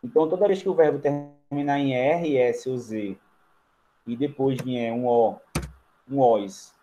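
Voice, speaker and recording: A man with a Brazilian Portuguese accent teaches a grammar lesson, explaining each step in turn while writing on a board and repeatedly checking in with the class. His mid-range voice is a little slow and warm, and the recording is muffled.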